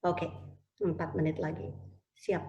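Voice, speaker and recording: A woman's voice: lowish voice, fairly even intonation, a little slow, dark tone, roomy sound. A woman giving an online parenting talk over a video call, often mixing in English phrases with frequent fillers. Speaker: parenting speaker.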